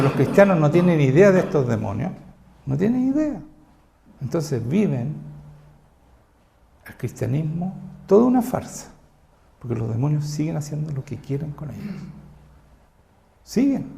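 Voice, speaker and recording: Brief: male Chilean pastor, fairly high gravelly voice, emphatic sermon full of rhetorical questions. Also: slight background noise. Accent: Chilean Spanish. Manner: swings between loud and low delivery.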